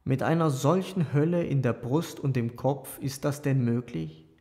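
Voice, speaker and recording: A man's voice: mid-range voice, a little slow, mellow, close to an everyday voice. A man reading an earnest, pleading young monk. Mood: urgent. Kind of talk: audiobook character voice.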